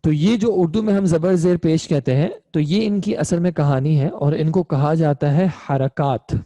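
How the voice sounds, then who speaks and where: A man's voice: on the high side, mellow, no echo. A man teaching an online Arabic grammar lesson, explaining patiently and often checking that students follow.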